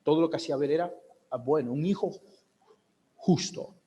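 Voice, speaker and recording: Man, pastor, higher voice, sermon, questions to the congregation, long church reverb. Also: fairly quick, dark tone. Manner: preaching with rhetorical questions, acting out a baby's and a mother's voices. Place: church hall.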